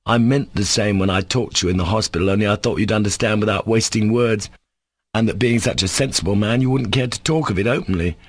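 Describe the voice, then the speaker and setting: Audiobook figure: a man playing a sick, resentful male servant, cool and sarcastic, with a husky, slightly low voice. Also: fast, no room sound, clean studio sound, natural voice. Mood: insolent.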